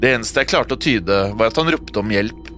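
A man's voice: lowish voice, lively intonation. A man reading a first-person horror story aloud, telling it expressively. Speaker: narrator. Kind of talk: scripted horror narration. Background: soft music.

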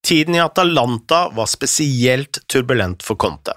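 A narrator, reading a scripted story in a lively, amused way. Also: medium pitch, dry recording, studio quality.

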